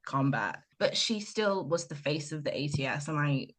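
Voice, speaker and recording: A woman from Ireland co-hosting a casual chat podcast, retelling scenes with lively quoted voices. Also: deep voice, normal speed. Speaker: podcast co-host.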